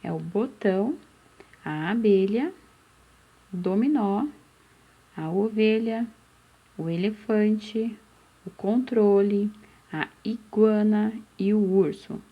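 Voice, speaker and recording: A Brazilian woman teaching a slow, patient phonics lesson for young children, stretching out syllables and asking questions that she then answers herself. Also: medium pitch. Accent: Brazilian Portuguese. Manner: drawn-out syllables, asks questions and answers them. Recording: dull, muffled lo-fi recording.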